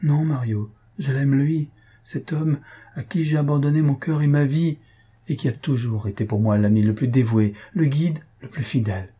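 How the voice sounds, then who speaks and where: A man's voice: mid-range voice, normal speed, warm tone, breathy edge, voice pushed up, lightly acted. A man reading an audiobook, voicing an anguished young noblewoman with a solemn, pleading manner.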